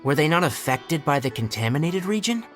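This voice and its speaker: A man's voice: a little high, very animated, brisk, a bit bright. A man playing a curt, serious young forest watcher in a video game, blunt and businesslike. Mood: questioning, skeptical. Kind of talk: video game character dialogue. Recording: game music under the voice.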